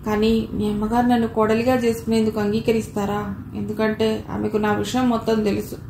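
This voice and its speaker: A woman voicing a shy, hesitant young woman in an audiobook, reading her lines softly. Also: fairly high pitch, level tone, fairly quick, lightly acted. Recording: echoey room with faint noise.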